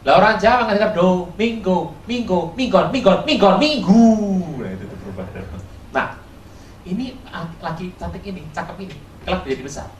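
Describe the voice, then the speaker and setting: A man's voice: a little high, slight background noise. Man preaching in an echoey hall. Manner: rhetorical questions to the audience, playful storytelling. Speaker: pastor. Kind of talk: lively sermon to a congregation. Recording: roomy, distant hall recording with faint ambience.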